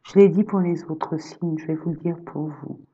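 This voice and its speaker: A woman's voice: deep voice, steady tone, moderate pace, dark tone, highs cut off. A woman giving a spiritual horoscope reading, speaking in a soothing, reassuring and affectionate way to her viewers, whom she calls her friends. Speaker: energy therapist and medium giving horoscope readings.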